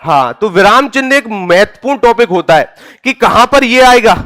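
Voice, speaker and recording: High-voiced male grammar teacher. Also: normal speed. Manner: asks questions and answers them himself; lively, loud emphasis on key words. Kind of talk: classroom Hindi grammar lesson.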